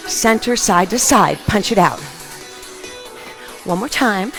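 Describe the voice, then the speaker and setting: A woman's voice: mid-range voice, lively intonation, takes it slowly, a bit bright. A middle-aged woman aerobics instructor calling out short, punchy, encouraging workout cues as she exercises. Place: open living room at home, indoors. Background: music.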